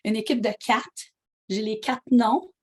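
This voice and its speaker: A woman's voice: a little high, a little slow, breathy edge. A woman with a Québécois accent, ill with pneumonia, telling a story animatedly in casual talk and acting out the dialogue. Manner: animated, acts out dialogue, laughs while telling. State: ill with pneumonia, prone to coughing. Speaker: coaching call participant. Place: at home.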